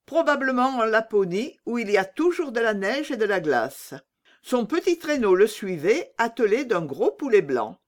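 A woman's voice: on the high side, very animated, moderate pace, pitched above the performer's own voice. A woman voicing a pair of chatty wood pigeons that coo between their words, in a storybook reading. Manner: cooing, chatty.

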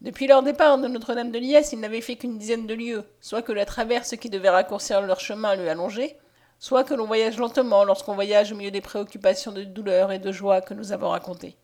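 A woman reading a novel aloud with steady, expressive narration. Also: medium pitch, a little fast. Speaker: reader.

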